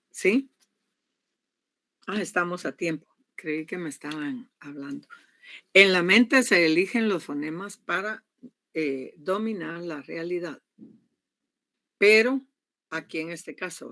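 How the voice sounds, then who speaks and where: A woman's voice: on the low side, fairly bright tone, no room sound, clean studio sound. Emphatic woman lecturing a class. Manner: emphatic, keeps asking "¿verdad?" to check understanding. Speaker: university lecturer.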